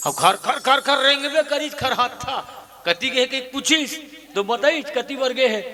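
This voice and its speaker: A man with a Chhattisgarhi accent giving a devotional Ramayana discourse. He talks in an animated way, laughs often and acts out quoted lines, and leads the listeners in call-and-response chants. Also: extremely high pitch, measured pace, long reverb tail. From Chhattisgarh, India. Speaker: Ramayana expounder.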